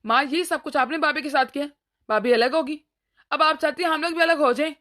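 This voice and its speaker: A woman's voice: high-pitched, a little fast, a bit bright. A woman voicing an impatient young cartoon husband. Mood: annoyed. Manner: scolding, impatient. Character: exasperated young husband and son. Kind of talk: cartoon voice acting.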